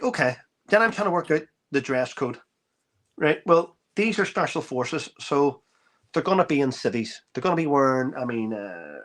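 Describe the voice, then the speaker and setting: A middle-aged army veteran telling an anecdote in casual talk, acting out the dialogue, with many restarts. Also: male voice, mid-range voice, fairly bright tone. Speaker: author and army veteran guest. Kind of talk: casual spoken storytelling.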